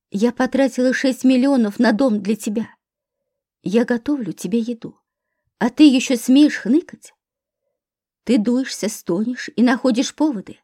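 A woman's voice: a little high, mellow, no room sound, studio quality, close to an everyday voice. A woman reading the part of a hurt, defiant wife answering her husband in an audiobook. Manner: hoarse, cold then cutting.

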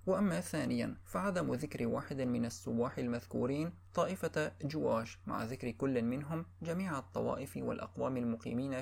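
A man giving a steady, measured formal reading of a classical history book. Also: medium pitch, vocal fry, breathy edge.

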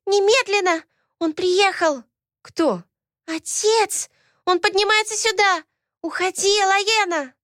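A woman voicing a bold, stubborn little twin girl in a high childlike voice, reading an audiobook. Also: no echo, clean studio sound. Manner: high childlike voice, shouting in alarm.

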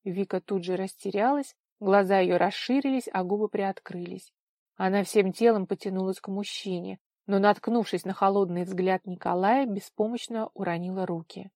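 A woman narrating a novel in a steady, expressive reading voice. Her pitch sits in the middle. The recording is close and dry, with no room sound. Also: moderate pace, no echo. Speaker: audiobook narrator. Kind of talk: scripted narration.

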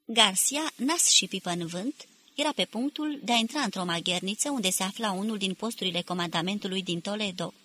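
A woman narrating a novel as an audiobook, reading evenly and deliberately. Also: medium pitch, bright, forceful tone. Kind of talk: scripted literary narration.

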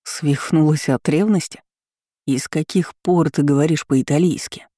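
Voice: steady tone, moderate pace, dark tone, dry recording, studio quality, close to an everyday voice. A reader voicing a hot-tempered male gangster in an audiobook, growling and icy. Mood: angry. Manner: low growl, icy and clipped. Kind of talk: audiobook character voice.

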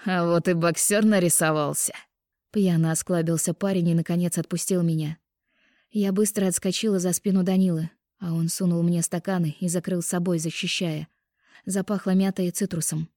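A woman reading a first-person romance audiobook in an expressive, intimate way on a close microphone. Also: fairly low pitch, a little fast, no echo. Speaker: audiobook narrator.

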